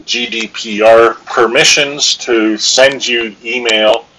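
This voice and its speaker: A man's voice: medium pitch, steady tone, takes it slowly, bright, forceful tone, rough recording. A man with the hiccups giving a live-streamed course tutorial, hesitant and filled with ums and uhs as he walks through his screen. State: has the hiccups. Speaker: online course instructor.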